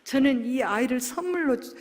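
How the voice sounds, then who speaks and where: A middle-aged woman, a pastor's wife, giving an earnest, emotional testimony sermon, moving from soft asides to loud exclamations. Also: high voice, lively intonation, normal speed. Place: large church hall. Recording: long hall reverb.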